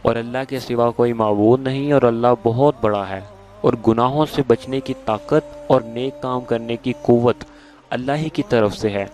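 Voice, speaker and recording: Man, religious instruction, steady monotone, patient and repetitive, slow deliberate recitation. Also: mid-range voice. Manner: recites prayers slowly and deliberately. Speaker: religious video host.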